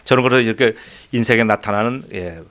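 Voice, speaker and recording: A man's voice: mid-range voice, quick pace, fairly bright tone. A man, the pastor, preaching a sermon in a church, emphatic, with rising peaks and frequent short affirming asides. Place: church sanctuary.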